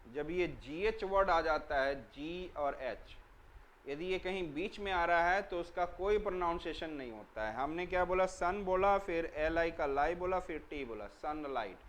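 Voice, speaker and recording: A man's voice: a little high, lively intonation, unhurried, fairly bright tone, rough recording. A man teaching a lesson for children, asking questions and answering them himself, repeating key words and spelling some out letter by letter.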